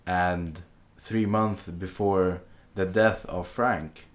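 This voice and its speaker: A young man with a strikingly low, deep voice talks casually about films, and Swedish is his first language. He hesitates a lot, restarting sentences and hunting for words as he goes. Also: fairly even intonation, very slow. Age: young adult. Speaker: podcast co-host, film student. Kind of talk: casual film discussion.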